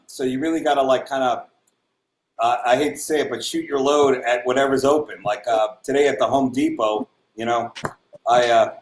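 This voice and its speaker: A man, a comedian trading jokes and chuckling often in casual banter. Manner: joking, chuckles often, lively pitch. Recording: echoey room with faint noise.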